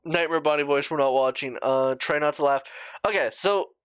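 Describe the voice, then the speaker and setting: A man's voice: on the high side, normal speed, fairly bright tone, clean tone, no room sound. A young man doing casual reaction commentary as a YouTuber, swearing freely and laughing at himself.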